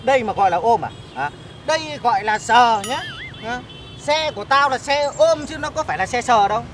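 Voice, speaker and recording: A man's voice: very high voice, animated, fairly quick. A man playing a rude, teasing motorbike taxi driver in a comedy sketch. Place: outdoors on a city street. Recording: street noise outdoors.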